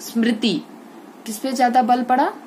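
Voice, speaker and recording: A woman's voice: on the high side, fairly even intonation, unhurried, warm tone, slight background noise. A woman teaching a school grammar lesson online, explaining step by step and asking and answering her own questions.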